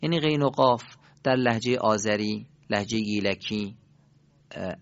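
Male teacher, animated and emphatic delivery, close dry lo-fi recording. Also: on the low side, no echo. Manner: lively, emphatic explaining with sudden rises. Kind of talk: Quran recitation lesson.

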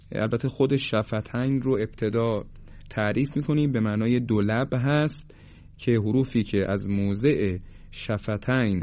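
A man teaching a recorded lesson on Quranic tajweed pronunciation. He speaks formally and politely and slows down to demonstrate letter sounds. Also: mid-range voice, a little mellow. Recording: dry, dull lo-fi sound.

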